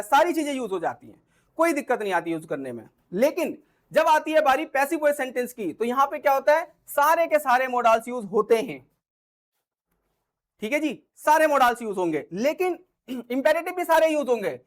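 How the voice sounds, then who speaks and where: High-voiced woman explaining grammar patiently. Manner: explains step by step, often checks with the class; clears her throat now and then. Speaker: English teacher. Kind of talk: spoken grammar lesson.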